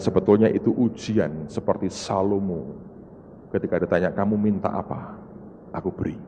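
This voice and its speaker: Pastor preaching in an echoing hall. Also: male voice, darkish tone, a little hiss or hum. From Indonesia. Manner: dramatic storytelling, voicing others in rising high-pitched outbursts and repetitions. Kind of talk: sermon. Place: large church. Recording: long reverb of a large church hall.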